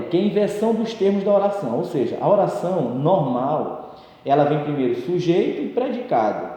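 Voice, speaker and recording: A man's voice: high-pitched, dark tone. Echoey man teaching grammar. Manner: explains with examples, frequent fillers like "então" and "né". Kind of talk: exam-prep grammar lesson. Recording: echoey room with long reverb.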